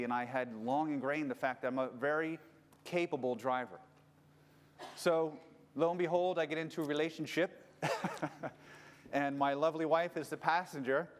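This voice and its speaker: A man's voice: fairly high pitch, in a large hall. A man casually telling a personal story as a relationship coach, candid and swearing freely. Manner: candid, swears freely, grows heated retelling the fight.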